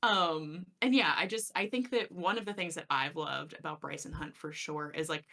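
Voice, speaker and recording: A woman's voice: deep voice, normal speed. A woman co-hosting a book podcast, chatting casually and gushing about the story, with lots of fillers. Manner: gushing, filler-heavy, quotes characters in an animated voice. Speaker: podcast co-host. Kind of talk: casual book discussion chat.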